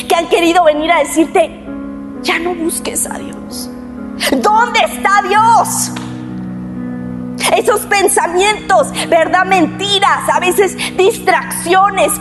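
High-voiced woman preaching. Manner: earnest, keeps asking the listener directly. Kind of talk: sermon to an online congregation. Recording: long reverb with soft music.

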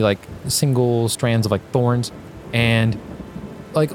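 A man's voice: medium pitch, slight background noise. A man running a tabletop role-playing game as game master, describing scenes in a conversational, improvised way. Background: music and rain sounds.

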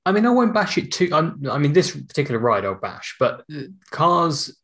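A man's voice: on the high side, big pitch swings, moderate pace, a bit bright. A British man chatting casually as a podcast co-host. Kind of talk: casual chat.

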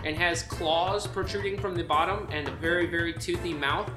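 A woman with a lowish voice runs a tabletop game. She improvises descriptive narration in halting phrases. The room is echoey and music plays clearly behind her. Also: steady tone. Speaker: game master. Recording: roomy sound with music behind.

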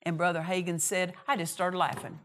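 A woman's voice: fairly low pitch, little pitch movement, a little fast, fairly bright tone, slight background noise. Lady preacher in church, emphatic, repeats her points, acts out the quotes. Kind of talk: sermon.

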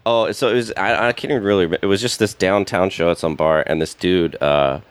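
A man's voice: deep voice, fairly quick, clean tone, dry recording. A man, a stand-up comedian, chatting casually and telling a story, acting out the lines of the people in it. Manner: storytelling, acts out quotes. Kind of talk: casual chat.

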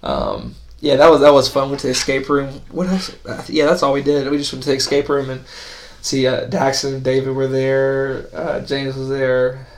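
A man's voice: medium pitch, moderate pace. A man in his twenties hosting a podcast, a youth pastor who talks in a loose, chatty way with frequent fillers. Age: 20s. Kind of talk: casual interview chat.

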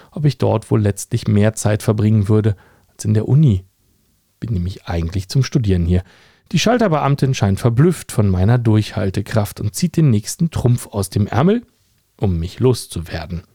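A man's voice: on the low side, warm tone, no room sound. Dry, ironic young man narrating. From Germany. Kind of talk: scripted first-person narration.

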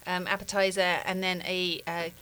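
A woman with a fairly low voice chats as a guest in a casual interview. She is bubbly and jokes often, laughing between her words. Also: flat delivery, moderate pace, pushed and bright, clear, resonant tone, poor audio. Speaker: guest from a nonprofit. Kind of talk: casual chat.

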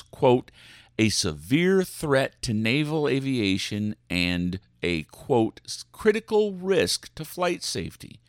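A man's voice: mid-range voice, no room sound, clean studio sound. A man hosting a podcast, reading news articles aloud and commenting on them in a theatrical, sarcastic, mock-outraged way. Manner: theatrical, dramatic delivery. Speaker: podcast host.

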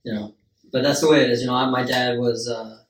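A man's voice: medium pitch, fairly even intonation, fast talker, recorded from a distance, a little hiss or hum. Teasing male podcast host, echoey room. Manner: crude, teasing banter. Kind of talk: casual podcast chat. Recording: roomy sound from off mic.

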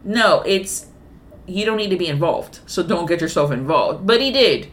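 A woman's voice: fairly low pitch, animated, moderate pace. A woman co-hosting a casual podcast, talking bluntly and emphatically with plenty of swearing. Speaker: podcast co-host. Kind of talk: casual movie chat.

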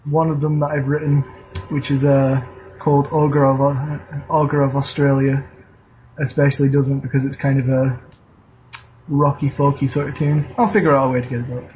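A man's voice: medium pitch, little pitch movement, normal speed, a little mellow, dull audio, slight background noise. A man co-hosting a podcast, chatting casually with dry, sarcastic quips and trailing off mid-sentence. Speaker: podcast co-host. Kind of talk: casual chat with dry jokes.

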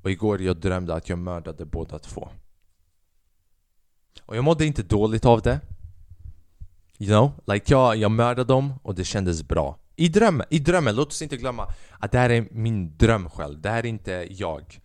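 A man's voice: fairly low pitch, expressive, a little mellow, no room sound, studio quality. A man in his twenties hosting a solo podcast, rambling restlessly, swearing often and mixing in English phrases. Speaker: podcast host. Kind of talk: casual solo monologue.

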